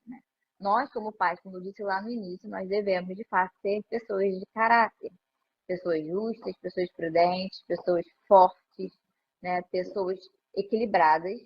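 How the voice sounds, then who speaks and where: A woman's voice: medium pitch, husky. A woman, a mother talking conversationally about parenting in a live stream, often adding "né?". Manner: conversational, frequent "né?" tag questions. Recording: muffled lo-fi stream audio.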